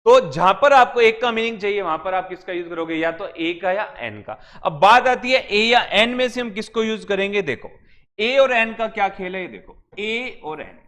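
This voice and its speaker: A man's voice: high-pitched, animated, normal speed, fairly bright tone. A man teaching a class in a coaching center, asking and answering his own questions as he explains. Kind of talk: classroom lecture. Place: classroom with students.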